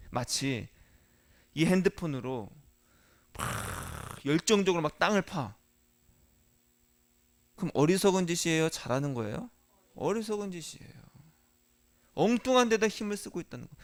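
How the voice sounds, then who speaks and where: A male pastor delivering a Sunday sermon, asking the congregation rhetorical questions and moving between soft, quiet lines and emphatic ones. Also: fairly high pitch.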